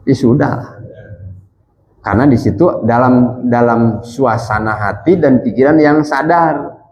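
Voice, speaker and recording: Man preaching with wide swings in pitch. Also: dull audio, slight background noise. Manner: conversational, addresses men in the congregation as Pak; recites Arabic legal texts slowly. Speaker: ustadz. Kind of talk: sermon. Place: mosque.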